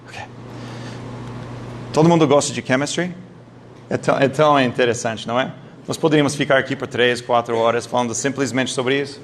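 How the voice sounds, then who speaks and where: A man's voice: medium pitch, a little fast, pauses often, slight background noise. Man lecturing a live audience. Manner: lively storytelling, quizzes the audience, occasional non-native slips.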